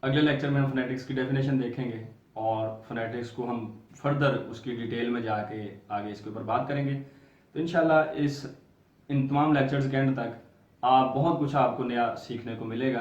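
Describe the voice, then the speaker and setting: A man gives a recorded lecture on English pronunciation at a middling pitch. He spells words out letter by letter and then draws out the correct form slowly. The sound is dull and roomy, picked up from a distant mic. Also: steady tone, darkish tone.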